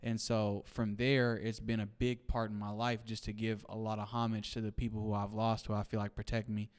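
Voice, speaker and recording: A man's voice: on the low side, level tone, brisk, smooth. A man in his twenties, a podcast guest, talking reflectively in a casual interview and leaning on fillers like "like" and "you know". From Seattle, USA. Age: 20s.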